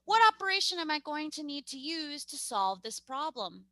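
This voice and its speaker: A woman's voice: high voice, sing-song, normal speed, pushed and bright, dry recording. A young woman with a New York accent teaching a math lesson over a video call, chatty and upbeat, often correcting herself.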